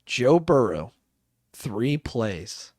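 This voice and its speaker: A young man in his twenties co-hosting a podcast, rambling excitedly about football with plenty of swearing. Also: mid-range voice, drawn-out words, dry recording, studio quality. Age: 20s. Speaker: podcast co-host. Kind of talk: casual chat.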